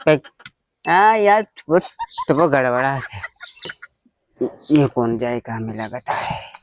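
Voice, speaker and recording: A man's voice: mid-range voice, big pitch swings, slow pace. A man playing a drunken, muddled village father in a comedy skit, rambling and repeating himself in an Awadhi accent. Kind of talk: rural comedy skit acting. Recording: clear background noise, clicks.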